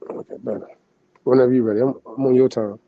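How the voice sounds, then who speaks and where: A man's voice: mid-range voice, steady tone, fast talker, phone-quality sound. A man hosting a podcast who switches between casual slangy talk and reading passages aloud, often turning to a listener he calls God. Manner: loose slangy asides, calling the listener "God".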